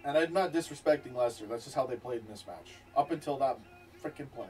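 A young football fan gives casual watch-along commentary on a match, speaking fast in a mid-range, slightly mellow voice. He's in a small wood-panelled fan room away from the camera, picked up by a room mic at a distance.

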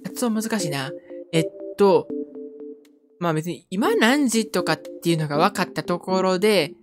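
A woman's voice: on the low side, expressive, moderate pace. A woman streaming a game, giving chatty commentary with laughing asides, over game music. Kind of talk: let's play commentary.

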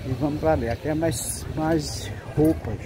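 A man's voice: on the high side, normal speed. A man with a northeastern Brazilian accent giving a casual, repetitive walking tour commentary, pointing things out to viewers. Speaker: vlogger. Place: busy open-air street market. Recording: loud street market crowd and traffic noise. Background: crowd, street noise, vehicles.

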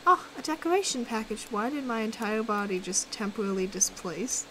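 A woman streaming a game and chatting casually, excitable and teasing, with sudden loud exclamations. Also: a little high, fairly quick, slight background noise, low-quality recording. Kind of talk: casual gaming chat.

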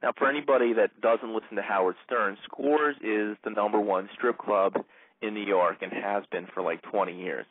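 A man's voice: fairly low pitch, fairly even intonation, moderate pace, slightly rough, no room sound. A male radio host casually telling a long, rambling story, with lots of fillers. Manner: rambling, full of "like" and "you know". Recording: narrow phone-like band, dry.

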